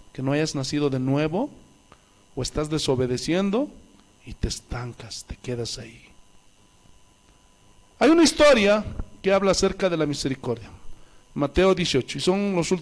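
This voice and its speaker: A man's voice: on the high side, very animated, moderate pace, pauses often. Pastor guy preaching, lots of rhetorical questions, reads bible passages out, voice jumps all over. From Bolivia. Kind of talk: sermon.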